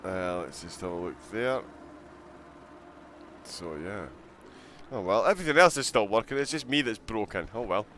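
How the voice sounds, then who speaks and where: A man's voice: lowish voice, animated, moderate pace, long pauses, fairly bright tone, slight background noise. Chatty male sim-racing commentator. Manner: chatty, giggly, reads and reacts to chat. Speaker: esports race commentator.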